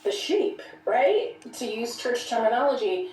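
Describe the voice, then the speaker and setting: A woman telling a personal story of abuse in an earnest, measured way, as a guest in a conversation. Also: fairly high pitch, very animated, darkish tone, recorded from a distance. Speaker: podcast guest. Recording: echoey room, off-mic.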